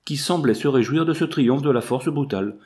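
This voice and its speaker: A man's voice: mid-range voice, fairly quick, darkish tone. Man narrating a classic novel. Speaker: audiobook narrator. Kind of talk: scripted narration.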